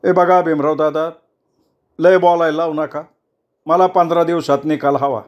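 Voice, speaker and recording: A man's voice: fairly high pitch, steady tone, moderate pace, muffled recording, voice pushed up, natural voice. A man voicing a ruthless male politician who gives curt, menacing orders.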